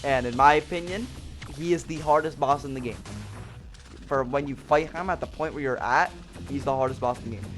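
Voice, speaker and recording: A man's voice: medium pitch, a little fast, a bit bright, faint music behind. A young man casually ranking game bosses at home, rambling with lots of fillers and restarts, a bit out of breath. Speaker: gaming youtuber.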